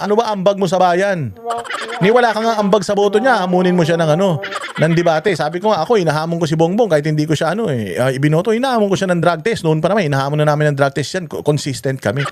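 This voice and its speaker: A man from the Philippines rants through political commentary in a voice sitting a bit higher than most men's. His tone is sarcastic and mocking, and he swears freely. A faint hiss of noise lies under his voice.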